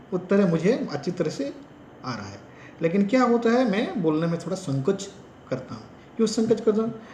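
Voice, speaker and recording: A man who trains teachers gives a slow lecture in Hindi with an Odia-influenced accent and repeats example sentences with stress. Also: sits high, a little mellow, roomy sound, a little hiss or hum. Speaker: teacher educator.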